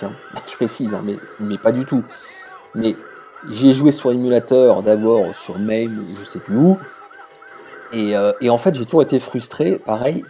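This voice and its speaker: Mellow-voiced man, casual chat. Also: medium pitch. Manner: relaxed, chatty, frank opinions. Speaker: retro game YouTuber. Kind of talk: casual chat reading out viewer comments.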